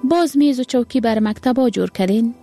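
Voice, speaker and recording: A woman's voice: fairly high pitch, animated, vocal fry, warm tone, husky, faint music behind, full character voice. A woman doing a curious little child. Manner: wondering, innocent questions. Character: curious small poor child.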